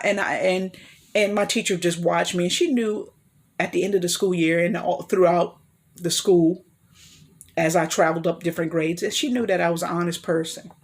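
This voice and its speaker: Earnest rambling woman vlogger. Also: lowish voice. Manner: earnest, rambling, with restarts and apologies. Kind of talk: motivational personal talk to camera.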